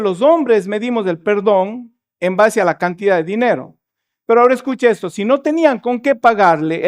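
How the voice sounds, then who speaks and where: A man preaching a sermon in church, retelling a Bible story and acting out its dialogue. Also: sits high. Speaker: pastor.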